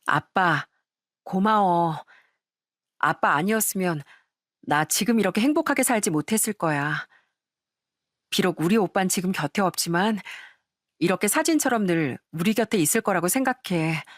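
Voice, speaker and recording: A woman voicing an affectionate grown-up daughter who talks tenderly and teases gently in a storybook reading. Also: fairly low pitch, lively intonation, normal speed, long pauses, no echo, studio quality. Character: adult daughter, cheerful and affectionate.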